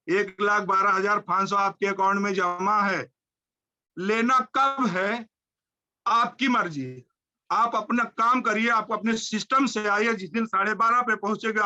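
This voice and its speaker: Fervent male motivational speaker, very high and piercingly bright voice, chanting repetition. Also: dull audio. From India. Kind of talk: high-energy motivational speech.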